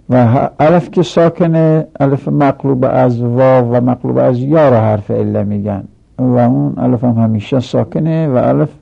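A man's voice: medium pitch, gravelly, slightly rough. A man teaching a grammar lesson from a textbook, explaining each rule step by step with repeated examples. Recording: dull lo-fi recording.

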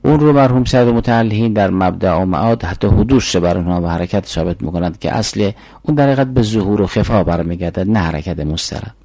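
A man's voice: low voice, animated, creaky, mellow, no room sound, poor audio. An older man giving a formal philosophy lecture, explaining arguments step by step and reciting Arabic syllogisms.

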